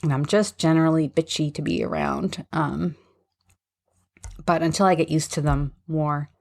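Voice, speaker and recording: Middle aged american lady podcaster, low voice, bit of a lisp, rambles kinda casually. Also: expressive, moderate pace, a little mellow. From suburban Philadelphia, US. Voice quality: slight lisp from new braces. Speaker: podcast host, special education advocate. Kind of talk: casual solo podcast talk.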